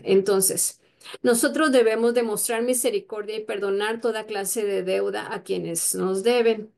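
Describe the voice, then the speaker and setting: Woman Bible teacher, gravelly mid-pitched voice, chatty and unscripted. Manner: conversational, many fillers and "verdad?" tags.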